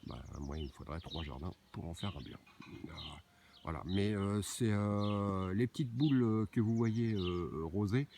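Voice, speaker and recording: A man's voice: on the low side, a little slow, mellow, a little hiss or hum. A man giving a casual, hesitant walking tour of his own garden outdoors, with many fillers and restarts.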